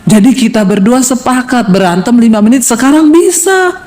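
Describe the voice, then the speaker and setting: A middle-aged woman pastor from Sulawesi preaches with playful, teasing humor. Her voice jumps to high, bright exclamations, then drops to low, wry asides. She keeps a lively, joking tone throughout the sermon. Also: normal speed.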